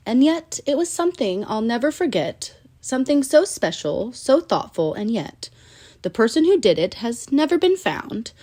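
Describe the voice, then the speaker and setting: The speaker is a woman reading a rhyming children's picture book aloud, her voice a little high. She keeps an animated, sing-song rhythm and pauses on purpose.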